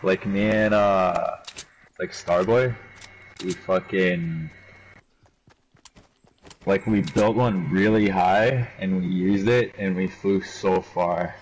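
Deep-voiced young man, hesitant gamer talk. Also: steady tone, slow pace, long pauses, darkish tone, a little hiss or hum, poor audio. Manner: mumbling, hesitant, swears a lot. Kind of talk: casual game chat.

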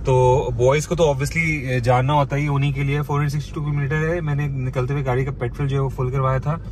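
A man's voice: mid-range voice, level tone, fast. A man in his thirties driving and narrating a family road trip vlog, calling out distances and times like a commentator. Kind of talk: casual travel vlog narration. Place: inside a moving car on a highway. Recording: road and engine noise.

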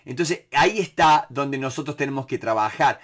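A man's voice: medium pitch, normal speed, a bit bright. A man with a Rioplatense Spanish accent, answering viewer questions about negotiation in a casual live talk, full of "este" fillers and quoted lines he acts out.

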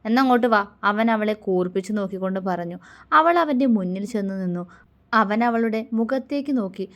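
A woman storyteller reading a romance story aloud in a soft, even manner. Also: mid-range voice, a little fast. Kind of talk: scripted narration of a romance story.

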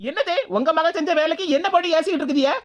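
Woman voicing a high, fast, sneering cartoon woman, Tirunelveli Tamil. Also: highs cut off, very noisy. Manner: sneering, quick, mocking.

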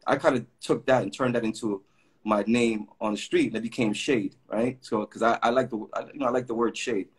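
Chatting on a video call webcam, a middle-aged Puerto Rican man, here as a graffiti artist guest, tells long rambling stories full of fillers. His mid-range, slightly rough voice keeps a steady tone at a fairly quick pace.

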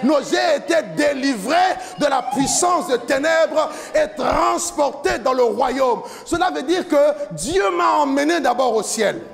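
Man preacher, 40s, very high gravelly voice, shouts and chants his sermon on a handheld mic, soft music behind. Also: expressive, measured pace, few pauses, crowd noise. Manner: impassioned preaching, often shouting, chanting cadence. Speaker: pastor. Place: large church hall with a stage, indoors.

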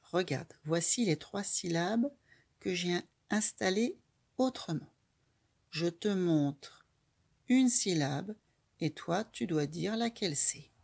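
A woman gives a reading lesson to a small child, breaking each syllable into its sounds and saying it again. Her pace is very slow and deliberate. Her voice sits a little low, with a gravelly, dark edge. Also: animated. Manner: slow, patient, spells out sounds one by one. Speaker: reading teacher.

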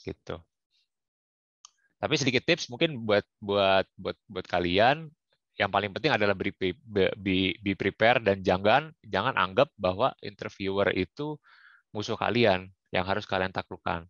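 Man, young adult, very low voice, dry muffled lo-fi sound, casual career advice. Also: measured pace, fairly bright tone, no room sound. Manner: casual, with frequent fillers and English career terms. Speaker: guest speaker. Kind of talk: online career talk.

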